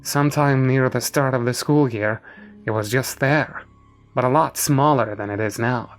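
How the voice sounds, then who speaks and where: A man's voice: medium pitch, normal speed, soft background music, lightly acted. A man voicing a grim, serious older teenage boy in a horror story.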